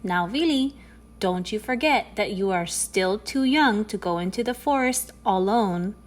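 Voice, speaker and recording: A woman's voice: mid-range voice, expressive, unhurried, close to an everyday voice. Storybook mother, mild and cautioning, read by a woman narrator. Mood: warning. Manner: gentle warning tone. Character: cautioning mother of a little girl.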